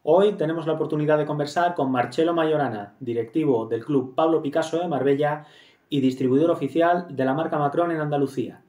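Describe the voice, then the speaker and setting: A man in his thirties hosts an interview over a video call, heard through a webcam mic. His voice is on the high side, a little fast, and warm. Friendly and polite, he opens with a scripted welcome, offers short backchannels, and then asks his questions.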